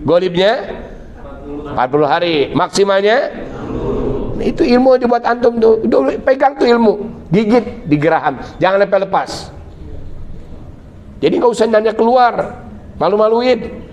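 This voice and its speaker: A man's voice: high-pitched, normal speed, long pauses, highs cut off. A middle-aged man with a Betawi Jakarta accent giving a religious lecture, mixing teaching with comic storytelling and acted-out family scenes. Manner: lively storyteller acting out family scenes with shifting voices. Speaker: Islamic preacher.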